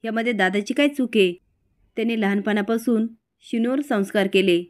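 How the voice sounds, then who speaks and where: A woman's voice: fairly high pitch, moderate pace, lightly acted. A woman voicing a worried younger brother who defends his elder brother. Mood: protesting. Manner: protesting.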